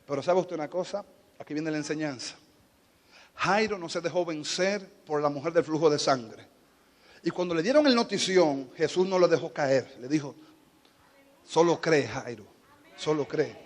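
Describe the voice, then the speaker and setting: A pastor with a Dominican Spanish accent preaches a sermon in a large hall, his voice fairly high and his speed normal. He moves between quiet teaching and fervent, shouted exhortation.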